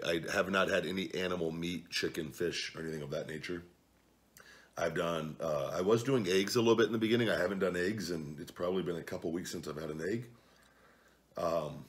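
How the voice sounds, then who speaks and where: Seated at a table in his living room late at night, this vlogger in his forties reads out viewer comments to a camera on his desk. His talk is profane and direct, lurching from low grumbling to sudden shouting.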